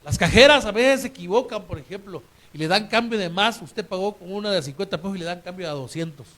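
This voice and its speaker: A man's voice: sits high, quick pace, a bit bright. A man preaching a sermon in a conversational way, asking rhetorical questions of the congregation.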